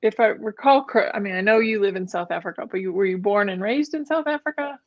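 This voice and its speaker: A woman hosting a podcast, who opens with a soft guided meditation and speaks of her guest in gushing terms. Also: medium pitch, animated, quick pace, muffled recording. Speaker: podcast host. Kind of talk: podcast interview.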